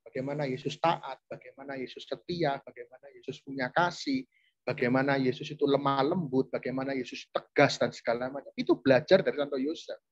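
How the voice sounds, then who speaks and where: A man's voice: mid-range voice, a little fast, dry recording, dull audio. A man preaching a chatty, conversational sermon, often turning to address his listeners directly. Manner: chatty, addresses audience often, restarts phrases.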